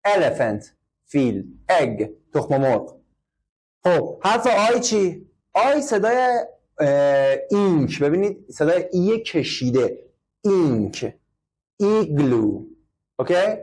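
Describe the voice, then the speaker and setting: A man's voice: on the high side, big pitch swings, darkish tone, slightly rough. Man teaching an English class. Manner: explains patiently, repeats words, quizzes the class. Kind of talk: classroom lesson.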